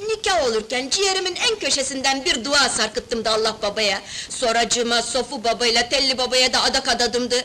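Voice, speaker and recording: An actress playing a brash, streetwise young wife who talks loud and slangy in an old film. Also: female voice, fairly high pitch, brisk. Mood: gleeful. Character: brash streetwise young woman, bold, pushy. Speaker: newly married wife in a film. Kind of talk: 1970s film dialogue. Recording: noisy old film soundtrack.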